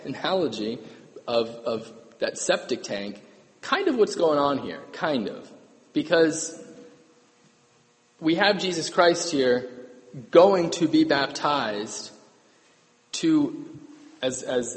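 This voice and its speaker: A man serving as priest, reading the gospel and giving a homily in a casual, self-correcting way that keeps checking in with the congregation, heard with a cathedral echo. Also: fairly high pitch. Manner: conversational, self-correcting, asks the congregation "right?". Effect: cathedral echo, long church reverb. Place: large church. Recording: long echoey church reverb.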